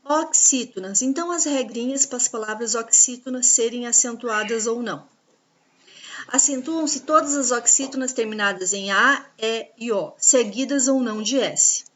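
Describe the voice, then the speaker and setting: High-voiced woman teaching grammar. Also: fairly bright tone. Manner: patient, explanatory, spells out examples slowly. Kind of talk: grammar lesson over slides.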